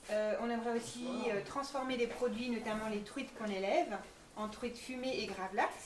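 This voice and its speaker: A woman's voice: on the high side, fairly even intonation, moderate pace. Woman presenting informally in an echoey room. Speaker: project presenter. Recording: echoey room, distant mic, faint noise.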